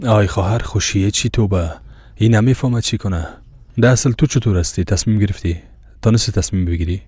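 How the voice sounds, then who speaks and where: Casting: a man as a soft-spoken uncle, Tajik accent, low, mellow voice, dubbed drama. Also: slightly rough, no echo. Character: middle-aged uncle, slow, gently insistent.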